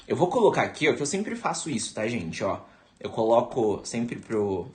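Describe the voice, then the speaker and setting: Lively Brazilian male English teacher. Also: medium pitch. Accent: Brazilian Portuguese. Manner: lively, repeats English words slowly for learners. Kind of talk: online language lesson.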